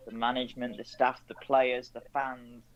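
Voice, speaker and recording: Male host, blunt and frustrated, middle pitch, muffled lo-fi recording. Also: completely flat delivery, moderate pace, no echo. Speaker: co-host of a football stream. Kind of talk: casual football chat.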